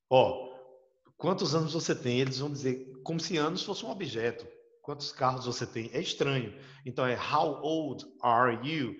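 A man teaching an online English class, explaining step by step and checking in with his students. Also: mid-range voice. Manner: explanatory, asks students for confirmation. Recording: roomy, dull lo-fi audio.

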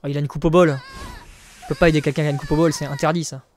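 A male streamer giving joking, crude, self-mocking live gameplay commentary, excitable and often laughing. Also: on the high side, racing, slight background noise. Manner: excitable, exclaims at the game.

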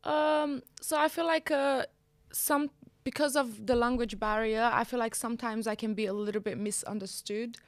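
In a small studio with a sofa and purple lighting, a young woman from Brazil talks into a close studio boom mic as a podcast guest. Her Brazilian Portuguese accent colors a candid, reflective, casual interview peppered with "like" fillers. Her voice leans high, steady and moderately paced, and the recording is dry.

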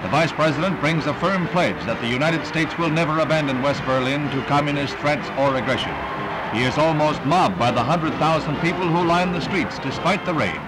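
A man giving emphatic, formal old newsreel narration over a loud music score. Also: a little high, a little fast, very noisy.

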